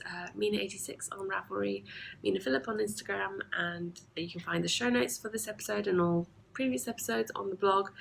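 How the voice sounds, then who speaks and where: This knitting video podcast host talks from her home in a mid-range voice with vocal fry, her camera mic giving a low-quality recording with slight background noise. She's chatty, with lots of ums and soft asides, and a little sniffly from allergies.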